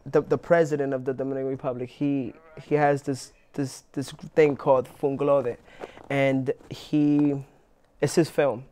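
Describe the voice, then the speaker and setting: This young male actor, interviewed about his work, comes from Inwood, New York, and has a clear, resonant voice of medium pitch. He talks in a casual, relaxed manner that halts often with restarts and fillers.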